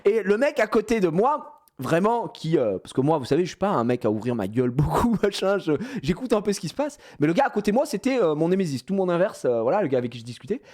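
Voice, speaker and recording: Lively high-voiced man telling a story. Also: quick pace. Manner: animated, laughing, slangy retelling. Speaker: streamer. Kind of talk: casual storytime.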